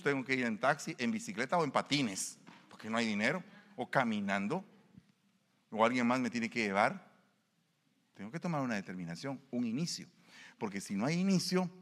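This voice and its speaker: Pastor preaching in a reverberant hall. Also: male voice, medium pitch, a bit bright. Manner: colloquial, rhetorical questions, emphatic. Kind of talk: sermon.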